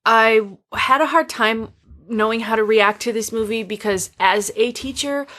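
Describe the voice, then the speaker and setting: Chatty, expressive woman co-host. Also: a little high, moderate pace. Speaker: podcast co-host. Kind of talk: casual movie review chat.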